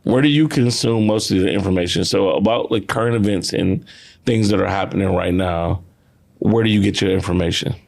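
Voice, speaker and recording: A man hosts an interview in a low, gravelly voice. He builds his questions in measured, plain steps. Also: darkish tone. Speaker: host.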